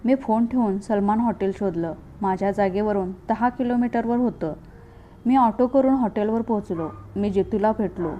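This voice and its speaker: A woman narrating a first-person story in a steady, earnest way. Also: medium pitch, normal speed, dull audio, a little hiss or hum.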